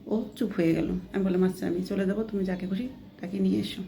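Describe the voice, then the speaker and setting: A woman's voice: medium pitch, steady tone, fast, creaky, mellow, a little hiss or hum. A woman vlogger telling a first-person story in a casual, chatty way, quoting others as she goes and often adding a checking question. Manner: plainly quotes others within the story.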